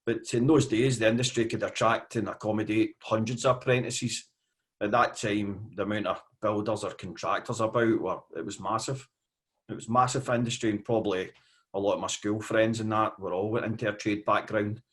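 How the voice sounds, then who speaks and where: A Scottish man in his fifties, a podcast guest talking casually with many fillers and pauses. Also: on the low side, fairly even intonation, a bit bright. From Scotland. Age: 50s. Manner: hesitant, with frequent fillers. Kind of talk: casual interview.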